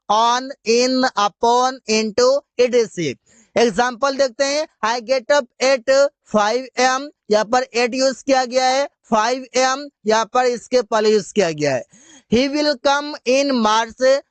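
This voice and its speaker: A man's voice: very high voice, clean tone, no room sound. A man teaching English grammar in Hindi, explaining step by step and reading example sentences out word by word. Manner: slow, deliberate, explaining word by word. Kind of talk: Hindi-medium grammar lesson.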